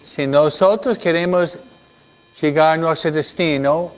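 A children's teacher leads a Sunday school lesson, telling animated stories and quizzing the kids in a slightly high voice at a somewhat slow pace. The lo-fi recording sounds dull and has slight background noise.

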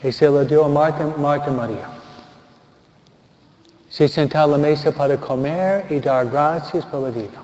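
A man giving a funeral homily as a priest, telling a Gospel story in a slow, deliberate way with pauses. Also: a little high, a little mellow, in a large hall, muffled recording.

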